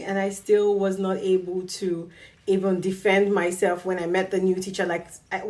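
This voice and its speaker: A woman vlogger tells a personal story straight to camera in a relaxed, chatty way. Her voice sits at an ordinary middle pitch, and she laughs often as she acts out what people said to her. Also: distant mic.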